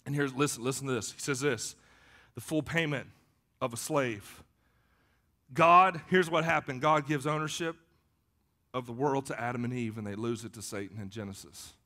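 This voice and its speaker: Fervent, bright-voiced male pastor. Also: mid-range voice, fairly quick. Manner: fervent, rising to shouts. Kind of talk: sermon.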